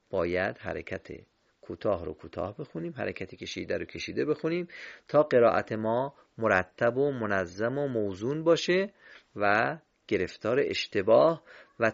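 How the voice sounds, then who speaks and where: A man teaching Quran recitation in a slow, deliberate lesson, drawing out vowels in his examples. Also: medium pitch, vocal fry, lo-fi sound. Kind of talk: instructional lesson.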